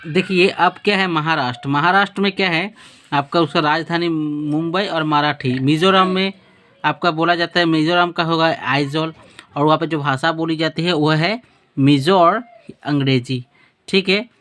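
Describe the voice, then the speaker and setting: A man's voice: on the high side, moderate pace, fairly bright tone. A male teacher giving a spoken lesson with a map. He asks questions and answers them himself, repeats words, and corrects his own slips as he goes.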